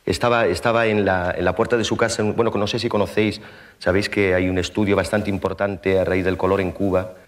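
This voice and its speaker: A man with a somewhat low voice tells a long comic story from a theater stage. He talks to the audience in a loose, conversational way, often tagging his sentences with questions. He breaks into mouth sound effects as he goes. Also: flat delivery, fairly quick. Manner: conversational, with frequent tag questions. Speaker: stand-up comedian.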